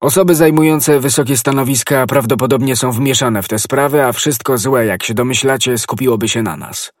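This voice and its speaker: A man's voice: medium pitch, brisk, dry recording, studio quality, voice pushed up, lightly acted. A man voicing a young, hot-blooded musketeer who speaks urgently and emphatically. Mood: earnest.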